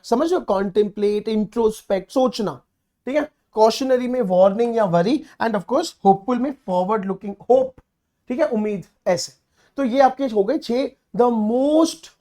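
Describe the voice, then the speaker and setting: A man teaching online exam prep in an energetic, chatty lecture style, coaxing his students along. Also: extremely high pitch. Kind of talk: online lecture mixing Hindi and English.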